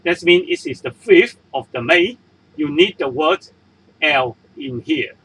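A man with a Hong Kong accent, whose first language is Cantonese, talks through a beginner's language lesson at an unhurried, deliberate pace. His voice sits a little high and has a husky edge. He repeats each example and its translation patiently, as a voice-over for on-screen slides. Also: huge pitch swings, sharp tone, poor audio. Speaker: Spanish language teacher. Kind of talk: slow explanatory lesson narration. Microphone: voice-over for screen-recorded slides.

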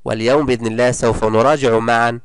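A man teaching a primary school class in a recorded lesson, encouraging and praising his pupils often and drawing out example words slowly. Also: medium pitch, fairly even intonation, smooth, no echo, clean studio sound.

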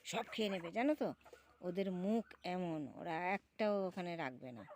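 A woman talks casually to her phone camera outdoors at home. She points things out with lively, fond remarks about her birds, over a faint hiss of background noise. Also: fairly low pitch, moderate pace. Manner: chatty, fond and lively with her birds, often calling "look". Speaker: vlogger. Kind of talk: casual home vlog commentary.

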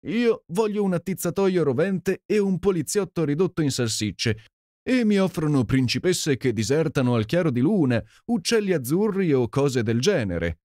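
A man reading an audiobook and voicing a boisterous, jovial Canadian gentleman with a hearty, exclamatory manner. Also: fairly high pitch, animated, normal speed, no room sound, voice pushed up, natural voice. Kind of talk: audiobook character voice. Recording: dry close sound.

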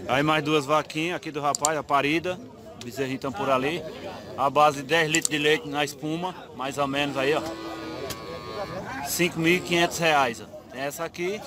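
A fairly high-voiced man talks in a casual, chatty way as he films. He keeps asking sellers for prices and says them back to his viewers. A busy crowd can be clearly heard around him outdoors. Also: fairly even intonation, moderate pace. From Northeast Brazil. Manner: chatty, asks sellers prices, repeats answers to camera. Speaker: vlogger at a cattle fair. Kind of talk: casual on-the-spot video commentary. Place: outdoor cattle market with crowd.

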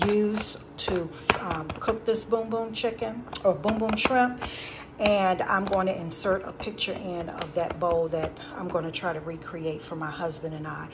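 Unhurried, chatty woman, slightly low-pitched, recorded at a home table with audible background noise. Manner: unhurried, chatty, restarts and corrects herself. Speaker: vlogger showing a grocery haul. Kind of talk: casual chat.

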